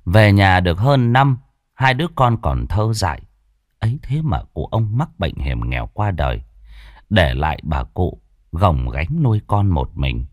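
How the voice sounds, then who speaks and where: Low-voiced storyteller. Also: male voice, big pitch swings, measured pace, no echo, clean studio sound. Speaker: ghost story narrator. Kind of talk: slow storytelling narration.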